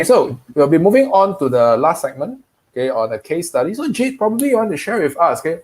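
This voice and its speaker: A man with a Singaporean English accent hosts an online interview at a brisk clip. He keeps dropping "okay" between his phrases as he steers the conversation. His voice sits at an ordinary pitch for a man. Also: a little mellow, poor audio. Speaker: interview host. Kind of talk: casual interview hosting.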